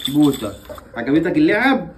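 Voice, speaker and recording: A man's voice: a little high, very animated, normal speed, slight background noise, rough recording. A young father with an Egyptian accent playfully coaxing his small children in a family vlog, laughing often. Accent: Egyptian Arabic. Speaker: father and vlogger.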